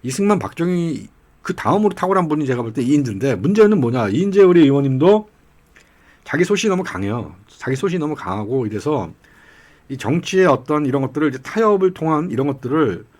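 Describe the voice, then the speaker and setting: A middle-aged man giving casual political commentary, telling rambling anecdotes with chuckles along the way. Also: medium pitch. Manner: acts out regional dialect quotes.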